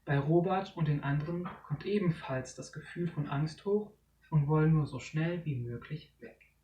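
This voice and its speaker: A storyteller reading a short story aloud in a measured way. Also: medium pitch, dark tone, muffled recording. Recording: echoey room, distant mic, faint noise.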